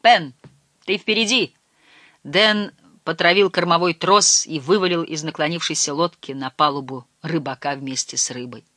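A reader giving measured, scripted narration of a storybook. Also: mid-range voice, fairly even intonation, sharp tone, no echo, studio quality. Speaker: audiobook reader.

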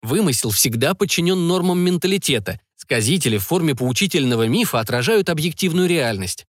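A male audiobook narrator with a slightly high, lively voice, musing wryly on the story. The recording is dry and close. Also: fairly quick, no echo.

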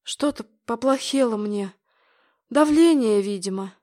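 A woman's voice: fairly high pitch, a little slow, dark tone, close to an everyday voice. A woman reading an audiobook, voicing an elderly grandfather who plays down his weakness with wry, reassuring remarks. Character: elderly grandfather, frail but cheerful.

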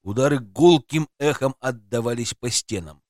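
A man's voice: mid-range voice, normal speed, darkish tone, no echo. A man narrating a tense first-person story in audiobook style, close to the microphone.

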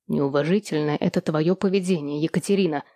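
A young man speaks calmly and firmly, with a cutting edge, read by a woman narrator. The voice sits close and dry, with no room echo. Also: low voice, quick pace. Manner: calm, firm and cutting. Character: calm, firm young man standing his ground.

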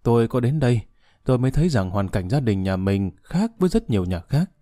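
A man voicing a calm, formal middle-aged lawyer speaking in a measured way. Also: medium pitch, no echo, clean studio sound, close to an everyday voice. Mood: reassuring.

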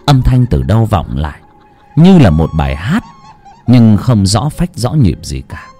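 A man narrating a horror story in an expressive, lilting storytelling manner. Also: fairly low pitch, measured pace, soft background music.

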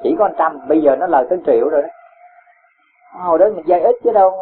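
A Buddhist teacher, gently admonishing a student in a question-and-answer dharma talk and posing rhetorical questions with a chuckle. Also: male voice, fairly high pitch, animated, quick pace, slight background noise. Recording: tinny lo-fi phone-like sound.

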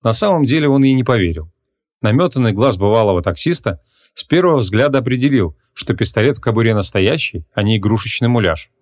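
A man reading a humorous fantasy audiobook as narrator, measured and even. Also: medium pitch. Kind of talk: scripted narration.

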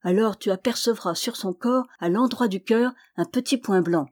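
A woman's voice: mid-range voice, moderate pace, darkish tone, lightly acted. A woman voicing a brave young man who urgently commands his brothers in a storybook tale. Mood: alarmed.

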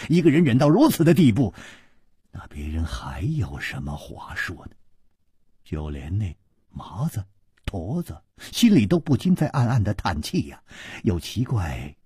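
A man narrating a martial-arts story as a dramatic audiobook storyteller, with expressive, drawn-out delivery and whispered asides. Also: fairly low pitch, slightly rough, no echo, clean studio sound.

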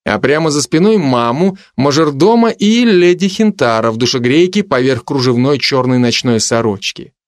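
A man narrating a first-person fantasy audiobook in a measured way, turning stern for commands. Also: mid-range voice, lively intonation, no echo, clean studio sound.

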